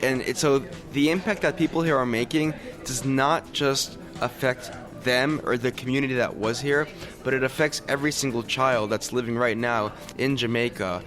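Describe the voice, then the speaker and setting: An animated man from Los Angeles chats as a podcast guest, his voice sitting at an ordinary middle pitch. He restarts his sentences often, and music plays clearly behind him. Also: moderate pace, few pauses. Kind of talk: casual interview chat.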